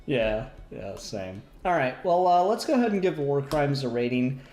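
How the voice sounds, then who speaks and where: On a casual comic book podcast, a male host talks in an informal, joking way and swears now and then. His voice is medium in pitch and darkish, swinging widely up and down at a normal speed, and the mic picks him up in a roomy, echoey space.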